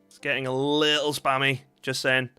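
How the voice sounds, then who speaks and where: A man's voice: medium pitch, little pitch movement, normal speed, pushed and bright, smooth, no room sound, faint music behind. A man streaming a survival game, chatting to viewers and yelping at sudden scares. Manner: jumpy, reacts with sudden yelps and chatty asides to chat. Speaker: gaming streamer. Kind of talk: live gameplay commentary.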